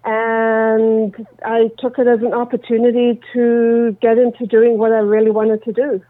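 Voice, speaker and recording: A woman in her forties answers interview questions, her voice pitched a little high. She tells her story in a thoughtful, measured way. The line is thin and phone-like and completely dry. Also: monotone, dry recording. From South Africa. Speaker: guest.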